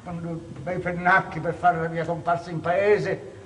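An actor playing a proud, cunning, wronged middle-aged male clerk in a theatrical stage performance, swinging from hushed bitterness to shouting. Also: on the high side, flat delivery, normal speed, close to an everyday voice. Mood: anguished. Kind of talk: stage acting. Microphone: distant room mic. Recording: distant echoey stage recording.

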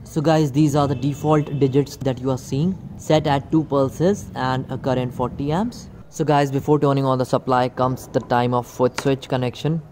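A man's voice: mid-range voice, fairly even intonation, normal speed, few pauses, darkish tone, a little hiss or hum. A man giving a hands-on product demonstration outdoors, talking viewers through each step and calling them "guys". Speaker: electronics video host. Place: outdoor table beside plants.

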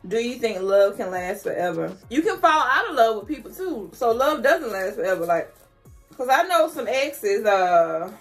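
A slightly tipsy woman in her thirties chatting casually to camera at home, loose and candid, with expressive, colloquial dramatic emphasis. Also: a little high, normal speed, faint music behind. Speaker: vlogger answering questions. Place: small decorated room at home, indoors.

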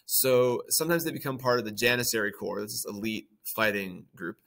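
Bright-voiced man teaching history casually. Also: on the low side, brisk, creaky. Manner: conversational, with many ums and playful acted-out quotes. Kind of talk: casual lecture.

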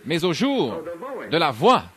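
A man preaches a sermon, reading passages and unpacking them phrase by phrase. His pitch rises and falls with animation, and he keeps asking whether his hearers follow. A congregation is clearly audible around him on this old church recording. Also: wildly swooping pitch, takes it slowly, crowd noise. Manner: reads scripture then explains it, often asking if listeners understand.

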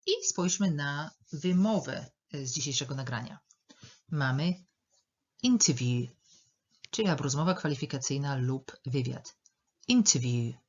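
A woman teaching an English lesson, speaking slowly and carefully and repeating words to show their pronunciation. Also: low-pitched, breathy edge, lo-fi sound. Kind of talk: language lesson.

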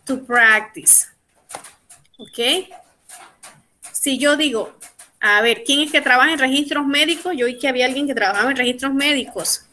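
A woman English teacher leads a conversation class, switching between Spanish and English. Her voice sits high and clear, and she talks slowly. She keeps drawing answers out of her students with repeated questions. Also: pushed and bright. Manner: coaxing students with questions and prompts.

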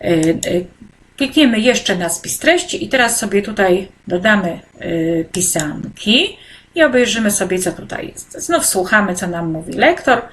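A woman teacher slowly guiding children through an online e-textbook lesson, speaking to them directly and often pausing on hesitant fillers. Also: medium pitch, expressive, fairly bright tone, a little hiss or hum. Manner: slow and patient, with frequent hesitant "e" fillers. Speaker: primary school teacher.

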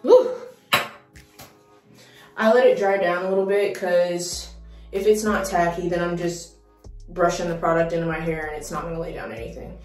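A young woman chatting casually in a beauty vlog, excitable and full of dramatic exclamations. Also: lowish voice, fairly quick, far from the mic. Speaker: beauty vlogger. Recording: roomy, mic set back, faint music.

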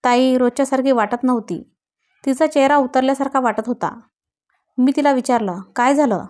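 High-voiced woman narrating a story. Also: moderate pace. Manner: even, reading storytelling.

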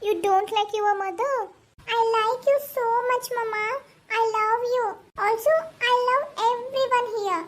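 Little cartoon girl, very high squeaky voice, slow sing-song, sweet and loving. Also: a bit bright, exaggerated voice. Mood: pleading. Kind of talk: cartoon voice acting.

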